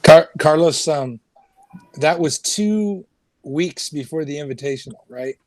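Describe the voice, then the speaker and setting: A man with a fairly high voice chats loosely on a podcast, often stopping and restarting his thoughts. His voice is close and dry, with no room echo. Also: darkish tone. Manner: loose, reflective, halting delivery. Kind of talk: casual podcast chat.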